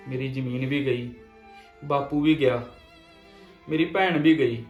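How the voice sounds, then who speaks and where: A man's voice: mid-range voice, roomy sound, phone-quality sound, soft background music, lightly acted. An actor playing a young man who pleads with his sister for forgiveness after losing his land. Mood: regretful. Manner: pleading, repentant, with many pauses. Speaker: brother.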